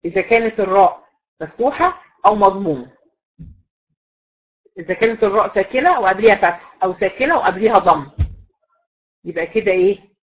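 A woman's voice: medium pitch, expressive, fairly quick, pauses often, husky, poor audio. A woman with an Egyptian accent, a recitation teacher lecturing a class, explaining patiently, asking the class questions and repeating the key rules. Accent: Egyptian Arabic.

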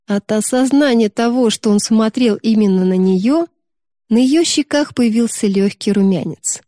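A woman narrating a novel in a smooth, expressive storybook reading. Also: on the high side, a little slow, no echo, clean studio sound.

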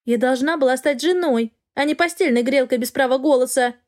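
A woman's voice: high-pitched, fairly quick, a little mellow, natural voice. A woman voicing an arrogant young noblewoman in an audiobook, haughty and demanding. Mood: indignant. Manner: haughty, rising to shrieks. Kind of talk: audiobook character voice.

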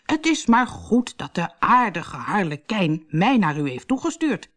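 A woman's voice: mid-range voice, sing-song, a little slow, pitched above the performer's own voice. A woman voicing a cheeky young man who poses as a pompous doctor in a storybook, mock-solemn and hesitant.

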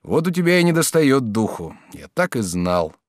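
A man's voice: mid-range voice, big pitch swings, moderate pace, no echo, clean studio sound, close to an everyday voice. A man voicing a brash, scheming young man who talks in a pushy, impatient way. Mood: insistent.

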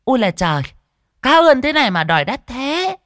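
A man voicing a shrill, sharp-tongued fat market woman in an audio story, haggling and scolding loudly. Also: very animated, brisk, dry recording, studio quality, exaggerated voice.

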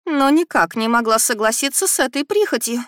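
A woman's voice: a little high, lively intonation, a little fast, fairly bright tone, no echo, studio quality, pitched above the performer's own voice. A woman voicing a fussy middle-aged noble mother, pleading and reproachful.

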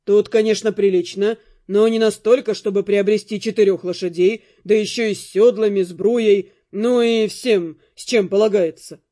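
A woman's voice: medium pitch, fairly even intonation, moderate pace, few pauses, warm tone, voice pushed down, natural voice. A woman voicing a laid-back male mercenary who drawls his words, unbothered. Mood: deadpan.

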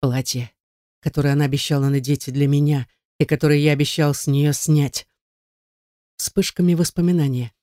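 Man with a dark, mellow narrating voice. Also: fairly high pitch, steady tone, moderate pace, no room sound, clean studio sound. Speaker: audiobook narrator. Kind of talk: first-person novel narration.

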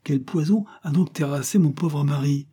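A man voicing a frantic, grieving young widow in a story reading, with shrill, pleading outbursts. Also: moderate pace, dark tone, breathy edge. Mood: distraught. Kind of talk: audiobook character voice.

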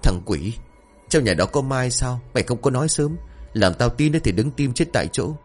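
A man's voice: mid-range voice, animated, normal speed, slightly rough, faint music behind, voice pushed up. A man voicing a short-tempered older gang boss who snaps and scolds. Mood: gruff. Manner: snapping, scolding.

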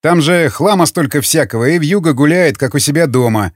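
A man's voice: a little high, lively intonation, fairly quick, dry recording, studio quality. A man voicing a younger male raider who is chatty, teasing and grumbling. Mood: uneasy.

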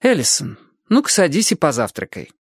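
A stern, brisk elderly grandmother, voiced by a man reading a storybook. She scolds in short, impatient bursts, her pitch lifted well above the reader's own and swinging widely. The recording is close and dry, with no room sound. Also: wildly swooping pitch, slightly rough, no echo, exaggerated voice. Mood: scolding.

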